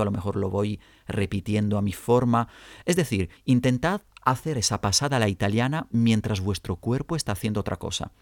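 Low, gravelly man teaching acting. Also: no room sound, clean studio sound. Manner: clear, deliberate instruction addressed to students. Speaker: acting and stage coach. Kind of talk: lesson on memorizing scripts.

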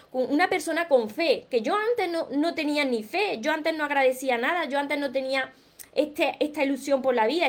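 A woman with a Peninsular Spanish accent hosting a live stream, answering viewers with earnest encouragement and often clearing her throat. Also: high voice. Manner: earnest, encouraging, reads viewer comments aloud. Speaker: livestream host, self-help speaker. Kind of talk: live Q&A, motivational talk.

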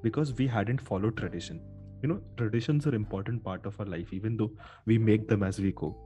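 Mellow Indian man hosting a podcast. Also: on the low side, a little fast, faint music behind. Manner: informal, slips between English and Hindi. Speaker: podcast host. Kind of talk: casual chat.

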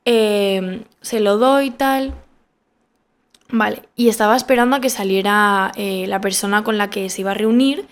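A young woman with a Spain Spanish accent talks through a personal story on her podcast. Her voice sits at an ordinary middle pitch and she stresses points by repeating words. Her delivery is casual and expressive. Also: moderate pace. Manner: animated, emphatic repetitions. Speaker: podcast host.

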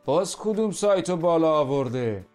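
A man's voice: a little high, lively intonation, a little mellow, soft background music, close to an everyday voice. A man playing a grumbling middle-aged husband and father in a comic radio sketch, exasperated and ranting.

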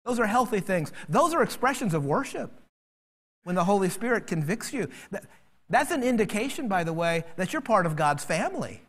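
Animated male pastor preaching. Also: high-pitched, brisk. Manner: animated, acts out quoted voices. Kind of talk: sermon.

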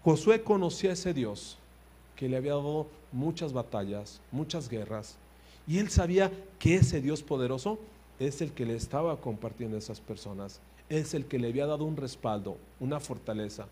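A man preaching a sermon, animated, swinging between loud emphasis and quiet asides and putting direct questions to his listeners. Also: mid-range voice, moderate pace, husky.

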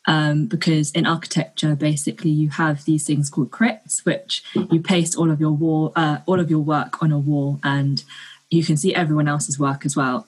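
Low husky-voiced young woman. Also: a little mellow, rough recording. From London, England. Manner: thoughtful, with frequent ums. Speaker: guest, architecture student. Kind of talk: casual podcast interview.

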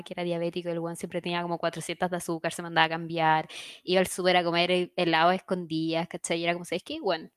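A young Chilean woman chatting casually, slangy and expressive, often laughing. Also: on the low side, smooth, dry recording, studio quality. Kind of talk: casual chat.

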